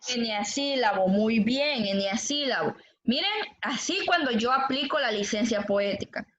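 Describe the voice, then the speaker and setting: High-voiced teacher in an echoey classroom. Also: female voice, expressive, unhurried, a little hiss or hum. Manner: patient, asks the class questions and repeats answers. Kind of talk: classroom lesson on poetic meter. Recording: echoey classroom, dull lo-fi sound.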